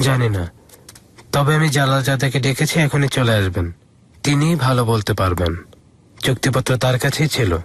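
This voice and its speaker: A man's voice: medium pitch, moderate pace, long pauses, close to an everyday voice. A man dubbing a cautious court official who answers his superior in a TV drama. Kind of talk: dubbed TV drama. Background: music.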